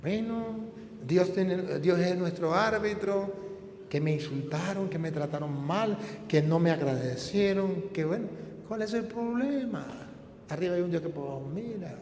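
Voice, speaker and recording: High-voiced man preaching slowly. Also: a little mellow, roomy sound, big-room sound, a little hiss or hum. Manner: impassioned, fires off rhetorical questions. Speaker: priest. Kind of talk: preaching a sermon.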